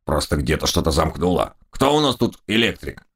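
A man's voice: a bass voice, very animated, creaky, a bit bright, breathy edge, full character voice. A man voicing a trio of pompous, dim raccoon judges of a holy order, drawing out preachy phrases that start with a solemn "O". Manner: drawn-out, preachy, every phrase opened with "O". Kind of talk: audiobook character voice.

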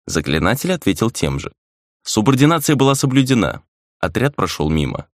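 Brief: male audiobook narrator, deep tone, dry close sound. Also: very animated, fairly quick, no echo.

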